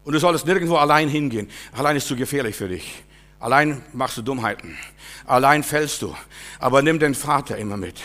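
Bright-voiced preacher man, fervent and dramatic. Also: lively intonation, a little fast. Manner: swings from loud, high exclamations to quiet, low asides; repeats words and restarts sentences in fervor. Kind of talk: sermon.

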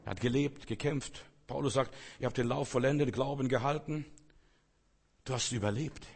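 A man's voice: medium pitch, moderate pace, gravelly, a little mellow, slight background noise. A man preaching a sermon, speaking emphatically with repeated phrases and rhetorical questions addressed straight to his listeners.

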